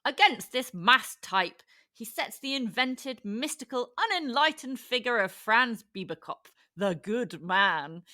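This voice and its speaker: A woman's voice: a little high, animated, a little slow, bright, forceful tone. A woman reading aloud as a pompous, doctrinaire male communist critic, in a formal and scornful manner.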